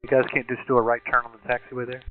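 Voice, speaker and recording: A man's voice: mid-range voice, completely flat delivery, racing. A man who is an airline pilot, talking over air traffic control radio. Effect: radio transmission. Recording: tinny narrow-band cockpit radio.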